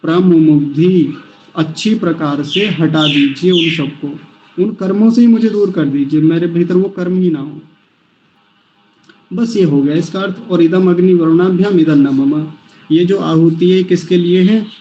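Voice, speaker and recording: A man with a high but mellow voice teaches recitation at an unhurried pace. He says syllables over and over with care, like a patient teacher. The recording sounds dull and lo-fi. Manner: slow, repeats syllables carefully.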